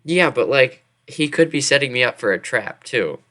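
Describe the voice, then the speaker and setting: A man playing a tabletop game, animated and often restarting his sentences. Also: medium pitch, normal speed. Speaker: player. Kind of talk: casual tabletop play.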